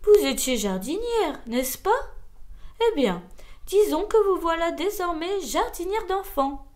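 A woman's voice: very high-pitched, big pitch swings, a little slow, exaggerated voice. A woman voicing a pompous, rambling old male snail in a read-aloud storybook. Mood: solemn. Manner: loud, solemn, drawling.

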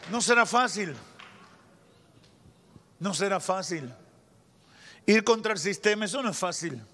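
Dominican preacher guy, high-ish voice, fiery sermon on a church stage, goes loud then slow and quiet. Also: lively intonation. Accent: Dominican Spanish. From Dominican Republic. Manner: fervent preaching, swings from loud declarations to slow hushed lines. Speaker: pastor. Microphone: handheld microphone at a pulpit.

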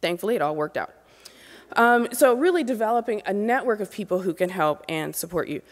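A woman's voice: mid-range voice, lively intonation, a little fast. A woman in her forties giving an earnest keynote lecture from a podium microphone on an auditorium stage, speaking directly to new graduate students. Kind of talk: motivational lecture. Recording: long reverb of a large hall.

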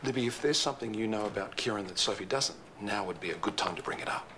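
An actor playing a brisk, businesslike hospital boss and father in a TV soap. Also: on the low side, pushed and bright, a little hiss or hum. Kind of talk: TV soap acting.

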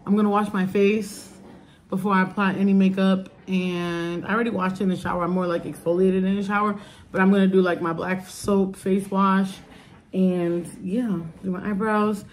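A woman's voice: medium pitch, flat delivery, moderate pace, slight background noise. A young woman chatting casually to camera in a home vlog, rambling with lots of "like" and "um.". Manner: chatty, rambling, many "like" and "um" fillers. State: out of breath, rushed. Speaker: vlogger.

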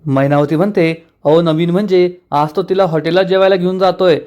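A man with a notably high voice tells a serial episode in a chatty recap. He swings into each character's dialogue with animated emphasis, quoting husband, wife and elder in turn. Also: brisk. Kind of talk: casual retelling of a TV episode.

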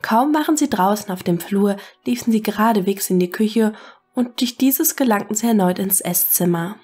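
A woman reading fan fiction aloud as a steady, even storyteller. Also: mid-range voice, moderate pace, breathy edge. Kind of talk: scripted narration.

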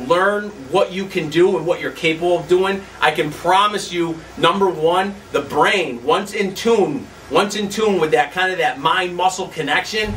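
A man's voice: high voice, pushed and bright, far from the mic, slight background noise. A middle-aged man hosting a bodybuilding channel, giving casual advice to the camera in a home basement gym, rambling and repeating himself with many fillers.

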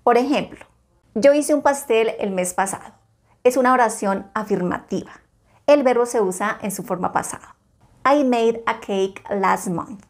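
Woman English tutor, measured bilingual lesson delivery, slightly high voice. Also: a little mellow. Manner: deliberate, stretches example words, careful English pronunciation. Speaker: English teacher. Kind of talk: slow bilingual grammar lesson.

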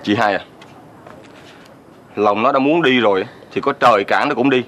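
A blunt younger in-law , played by a man, talks in an even middle register. His manner is teasing at first, then calm and practical. A faint ambient hiss sits behind his voice. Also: mid-range voice, moderate pace, close to an everyday voice. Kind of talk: TV drama acting.

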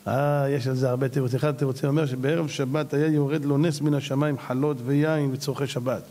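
A man's voice: mid-range voice, flat delivery, dark tone. A male rabbi giving a sermon to a live class, telling stories dramatically and firing off rhetorical questions.

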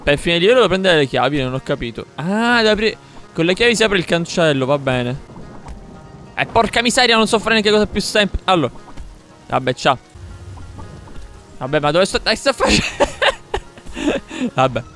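A young man commentating his own gameplay live, excitable, repeating words in quick bursts and swearing when things go wrong. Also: high-pitched. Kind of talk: live let's-play commentary. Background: game music.

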